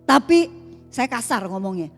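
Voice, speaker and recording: A woman's voice: fairly high pitch, sing-song, normal speed. A middle-aged woman pastor preaching a sermon, talking animatedly with rhetorical questions to the congregation. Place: church sanctuary. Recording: long church hall reverb with faint music.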